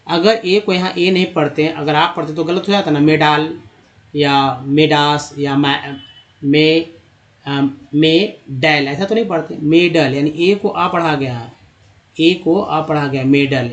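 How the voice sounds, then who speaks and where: A man teaching English spelling and pronunciation, drilling each sound slowly and repeating it, and addressing the viewers as friends. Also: a little high. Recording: dull lo-fi sound.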